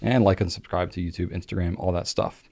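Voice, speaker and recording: A young man co-hosting a podcast, telling stories in a lively way and acting out his own quotes. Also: sits low, fast talker, gravelly. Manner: animated storytelling, acts out his own quotes. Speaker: podcast co-host. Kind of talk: casual podcast chat.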